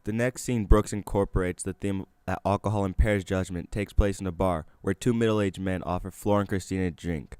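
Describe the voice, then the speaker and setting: A man narrates a scripted video essay. His voice is deep and clean, with very little room sound around it. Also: fairly even intonation, a little fast, hardly any pauses, darkish tone, smooth, no echo.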